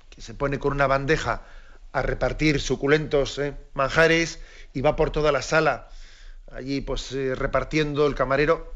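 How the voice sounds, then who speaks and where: A priest with a medium-pitched, slightly bright voice delivers an earnest, reflective sermon to fellow clergy, repeating his key phrases and posing rhetorical questions. The recording sounds dull and lo-fi.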